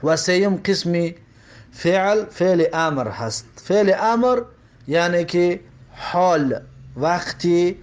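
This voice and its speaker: A man's voice: high-pitched, animated, highs cut off. A man teaching a grammar lesson, repeating examples and asking and answering his own questions.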